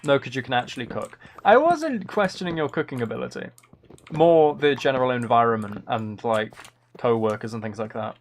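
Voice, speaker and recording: On a gaming livestream, the male host chats casually in a medium-pitched, animated voice, talking briskly. He rambles and keeps second-guessing himself, with background noise and keyboard clicks clearly heard.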